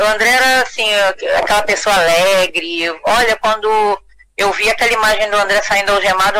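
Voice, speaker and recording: A woman being interviewed, recalling things casually and haltingly as she searches for words. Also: medium pitch, noisy background. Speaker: interviewee, witness.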